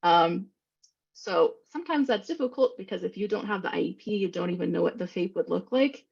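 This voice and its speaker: Gravelly woman explaining fast. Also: fairly low pitch, lively intonation, darkish tone, dull audio. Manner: quick, informal explaining with many fillers. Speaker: presenter on special education law. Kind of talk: online training presentation.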